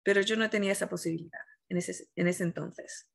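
With a fairly low, gravelly, husky voice and a fairly quick delivery, a woman spiritual teacher reflects conversationally. She retells a story with animation, often hunting for the right word.

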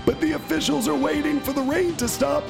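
A man playing an excitable, bombastic basketball announcer in parody commentary, with constant gravelly vocal fry. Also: very high-pitched, heavily acted. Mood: bombastic showman. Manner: bombastic, drawn-out catchphrase delivery. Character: excitable male TV basketball announcer, exaggerated celebrity sportscaster impression. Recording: music behind the voice.

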